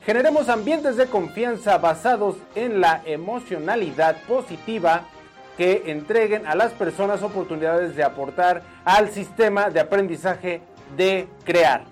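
Mexican guy with a high voice, playful radio-show banter, repeats himself, music underneath. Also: animated, moderate pace. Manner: playful, repeats his phrases. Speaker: co-host. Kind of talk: casual live talk show banter.

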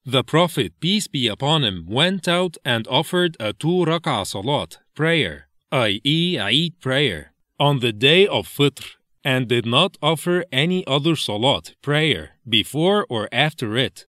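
A man reading translated religious narrations aloud in a slow, measured way, explaining each Arabic term in English as he goes. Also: medium pitch, expressive, pushed and bright, no echo, studio quality. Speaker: reader of hadith translations.

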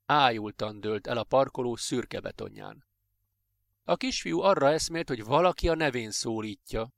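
Egy férfi felolvas egy sci-fi novellát egyenletes, kimért tempóban. Középmagas a hangja, a felvétel száraz, teremvisszhang nélküli. Nyugodt, hangoskönyvszerű előadás. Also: male voice, mid-range voice, animated, vocal fry, dry recording, clean studio sound. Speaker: narrator. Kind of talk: reading a sci-fi short story aloud.

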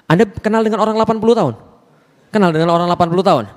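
A man giving a lively religious lecture who keeps asking the audience questions. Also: high-pitched, very fast, big-room sound. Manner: animated, asks the audience many questions. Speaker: Islamic preacher.

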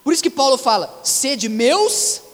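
A man with a Brazilian Portuguese accent preaching a youth sermon, lively and slangy, asking the audience questions. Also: very high-pitched, unhurried. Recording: long reverb of a hall.

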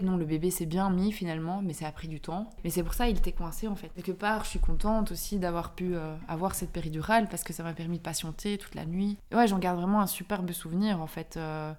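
Animated Belgian woman telling a story. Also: fairly low pitch. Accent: Belgian French. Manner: animated storytelling, laughs often. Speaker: podcast guest. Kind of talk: casual chat.

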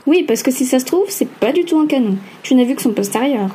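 A woman's voice: sits high, expressive, quick pace, mellow, slight background noise. A woman voicing a bold, teasing young woman friend in an audiobook, with a cheeky, pushy manner. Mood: mocking. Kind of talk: audiobook character voice.

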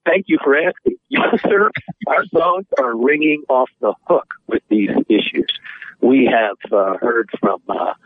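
Man calling in by phone as an attorney guest: slightly husky, earnest and measured, thin phone-line sound. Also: medium pitch, dry recording. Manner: earnest, measured, frequent filler pauses. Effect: over the phone. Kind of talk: radio interview guest. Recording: tinny dry phone line.

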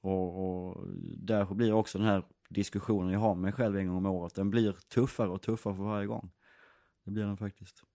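A man's voice: low-pitched, level tone, dark tone, dry recording, clean studio sound. A man, an actor and director answering interview questions casually, thoughtful and rambling with many fillers and restarts.

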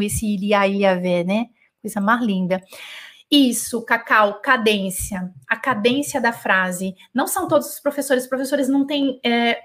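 A Brazilian woman with a slightly high voice runs a live French lesson. She talks in a chatty, lively way, answers the chat and repeats sounds over and over to show their rhythm. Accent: Brazilian Portuguese. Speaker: French teacher.

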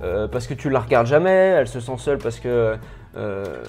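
A man's voice: medium pitch, very animated, moderate pace, darkish tone, faint music behind. A man with a French accent gives an improvised video lesson, talking straight to the viewer informally, stammering and restarting often. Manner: stammering, many restarts and repetitions, rambling. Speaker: personal development coach.

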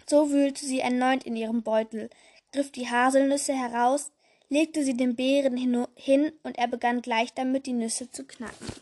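A young woman reads a bedtime story aloud and then chats casually from her bed, laughing off her own slips. Her voice sits high. The recording is close and dry. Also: fairly even intonation, moderate pace, a little mellow, no echo. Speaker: vlogger. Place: indoors, sitting on a bed.

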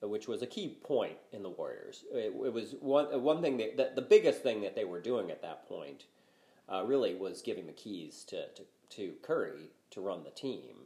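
An older man talks basketball in a loose, rambling way, his pitch rising and falling a lot. The room around him gives his voice a noticeable echo. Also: sing-song, moderate pace, warm tone. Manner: rambling, many fillers and restarts. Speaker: podcast co-host. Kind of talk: casual sports talk. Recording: roomy echo.

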